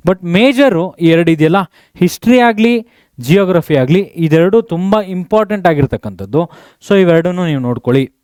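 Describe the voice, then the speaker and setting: A man teaches an exam revision lesson, firing quick questions at students and dropping English terms into his talk. His voice sits high and rings smooth and clear. It is recorded close and dry, with no room sound. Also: a little mellow, dry recording. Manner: mixes English terms into speech.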